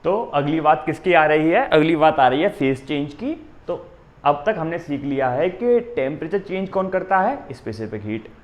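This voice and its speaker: A man with an Indian accent teaching a physics coaching class at a board. He stops often to ask "है ना?" and reads definitions out slowly, word by word. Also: fairly high pitch, animated. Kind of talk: exam coaching lecture at a board.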